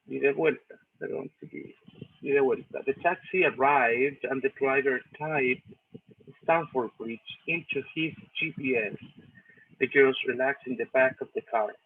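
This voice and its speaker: A man's voice: medium pitch, slow pace, slightly rough, no room sound. A male English teacher with a Chilean accent explains a reading step by step, often checking with "¿sí?" and "¿cierto?". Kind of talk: recorded lesson walking through a reading. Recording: tinny phone-like lo-fi audio.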